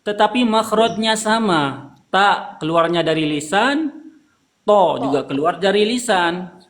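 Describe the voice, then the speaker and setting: A man's voice: high voice, animated, measured pace, fairly bright tone. A man teaching Quran recitation rules, patiently repeating terms and asking students to read aloud. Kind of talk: online tajwid lesson.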